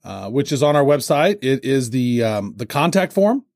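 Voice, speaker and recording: A man's voice: medium pitch, sing-song, moderate pace, vocal fry, a little mellow, no room sound, clean studio sound. A man co-hosting a podcast, chatting casually in a playful, goofy way. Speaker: podcast co-host. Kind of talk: casual chat.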